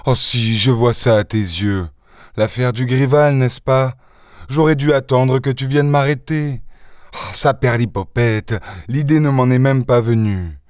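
A man reading an audiobook, voicing a playful, mocking gentleman thief who speaks with mock affection. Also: medium pitch, a little slow, clear, resonant tone, dry recording, clean studio sound, lightly acted. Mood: teasing. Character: charming teasing gentleman thief, young man. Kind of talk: audiobook character voice.

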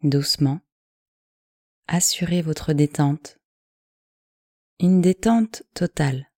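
Speaking very slowly in short, calm, measured phrases, a woman with a low, mellow voice guides a yoga nidra relaxation. The recording is dry and close, with no room sound at all.

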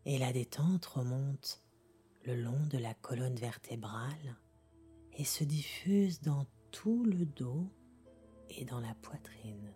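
A woman narrates a guided sleep meditation in the manner of a bedtime storyteller. Her voice is very deep for a woman and breathy, often sinking into a half-whisper. She speaks slowly and gently, leaving calm pauses between phrases. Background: music.

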